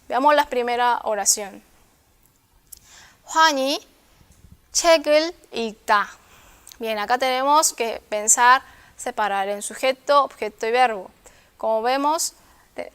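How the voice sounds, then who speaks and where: Woman teacher, smooth clear voice, a bit high, patient and methodical. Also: a bit bright. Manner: patient, repeats words and checks understanding with "¿sí?". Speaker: Korean language teacher. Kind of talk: classroom lesson explanation.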